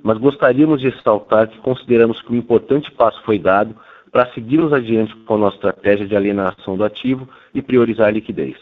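A man with a Brazilian accent presents prepared company results as a financial executive, formal and measured. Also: on the low side. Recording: tinny, narrow telephone line.

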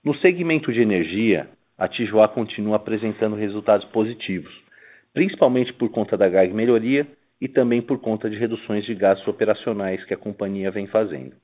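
Brazilian man, corporate finance executive. Lowish voice, formal scripted results presentation over a tinny phone line. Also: a little fast. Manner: formal, businesslike. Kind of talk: prepared earnings call presentation. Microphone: telephone conference call.

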